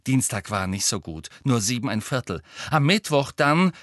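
A man voicing a pompous, study-obsessed teenage boy who boasts loudly and pushily. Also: lowish voice, animated, fairly quick, no echo, clean studio sound. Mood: boastful. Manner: boastful, pushy, loud.

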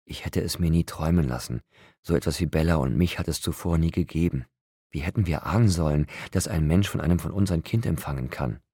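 A man voicing a guilt-ridden young male vampire who speaks quietly and in a strained, hushed way. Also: extremely low pitch, fairly quick, husky, dry recording, studio quality, exaggerated voice. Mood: anguished.

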